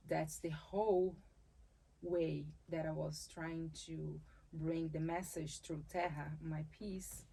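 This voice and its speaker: A creaky, dark, low voice with a breathy edge and little pitch movement belongs to a woman who takes things slowly, heard through a rough recording. She is a dancer and capoeira teacher from Salvador, Bahia, Brazil, with Portuguese as her first language and a Brazilian accent. In a conversational interview she is thoughtful, often restarting phrases and laughing easily.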